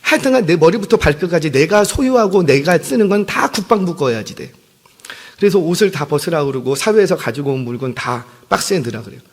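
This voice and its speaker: A man in his fifties with a husky, slightly breathy voice delivers an evening sermon in a church sanctuary. His pitch rises and falls widely as he tells stories, and the sound carries a long hall reverb. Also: brisk. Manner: conversational, animated storytelling with self-deprecating apologies. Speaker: senior pastor.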